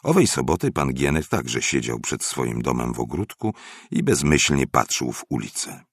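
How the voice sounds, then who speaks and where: A man narrating a story aloud in a measured, expressive audiobook reading. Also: extremely low pitch, no echo, clean studio sound.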